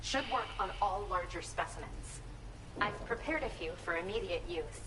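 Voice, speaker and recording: An earnest female researcher from a video game, voiced by an actress, laying out her findings in an explanatory, steady way. The sound comes from some distance, with noise underneath. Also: medium pitch, moderate pace, natural voice. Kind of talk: game dialogue.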